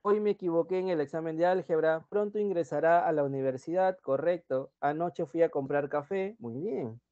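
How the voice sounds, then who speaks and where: Peruvian male teacher, slightly high voice. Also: no echo. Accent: Peruvian Spanish. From Peru. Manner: reads example sentences slowly and loudly, then quiet asides. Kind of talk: online grammar class. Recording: dull dry lo-fi sound.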